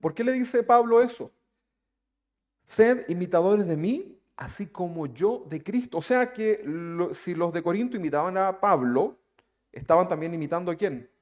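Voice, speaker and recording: A preacher from Chile with a fairly high voice for a man, speaking. He delivers his sermon to the congregation and keeps putting rhetorical questions to them. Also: expressive, normal speed, darkish tone.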